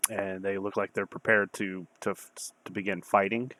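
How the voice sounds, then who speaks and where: A man acting as game master, improvising narration for a tabletop game in an informal, halting way. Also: low-pitched, level tone, pushed and bright.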